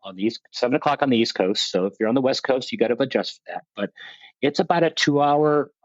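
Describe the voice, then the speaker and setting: A veterans motorsport program leader, speaking as a guest in a conversational interview, rambles about his program in a plainspoken, self-deprecating way full of restarts. His mid-range voice moves at a quick pace. The audio is dull, with no echo.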